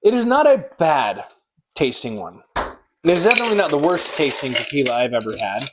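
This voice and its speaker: A man's voice: on the high side, sing-song, a little fast, very noisy. A man co-hosting a casual podcast, teasing his partner in wry banter while tasting drinks. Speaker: podcast co-host. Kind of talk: casual chat.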